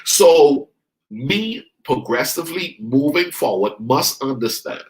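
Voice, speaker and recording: A man from the Bahamas, a life coach preaching a motivational sermon, speaking to his listeners directly, repeating lines for stress and drawing out key words slowly. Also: medium pitch, low-quality recording.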